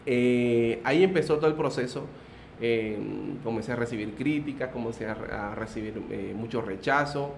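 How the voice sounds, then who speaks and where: Giving interview testimony, this good-humored but hesitant man peppers his speech with "eh". He's from Barranquilla and carries a Colombian Caribbean-coast accent, speaking at medium pitch and moderate pace with slight background noise.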